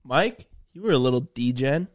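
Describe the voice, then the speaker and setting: A man's voice: mid-range voice, animated, moderate pace, dry recording, studio quality. A young man on a podcast, teasing and joking as he chimes in during casual chat. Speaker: podcast co-host.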